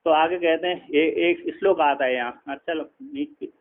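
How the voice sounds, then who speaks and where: Gravelly man teaching on a tinny line. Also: a little high, sing-song. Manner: slow chanted Sanskrit quotes between conversational Hindi explanation; checks with listeners, asking "है ना". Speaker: teacher of Sanskrit philosophy. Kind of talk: classroom commentary on a Sanskrit text.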